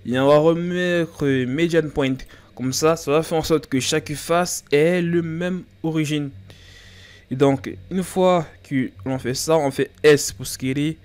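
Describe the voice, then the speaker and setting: A man's voice: fairly high pitch, steady tone, measured pace, darkish tone, clean tone. A man hosting a beginner 3D modelling tutorial, talking casually with fillers and self-deprecating jokes over a screen recording. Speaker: Blender tutorial host.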